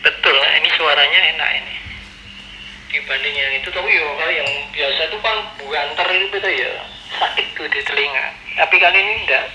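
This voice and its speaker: A man's voice: on the high side, fairly quick, noisy background. A man, heard over a two-way ham radio, chatting casually in a radio check and signing off each turn. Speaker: amateur radio operator.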